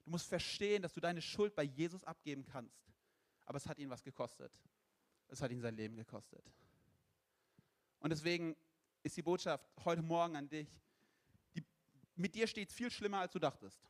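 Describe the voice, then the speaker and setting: A man's voice: a little high, animated, normal speed, long pauses. A man preaching a sermon, speaking emphatically and directly to the listener.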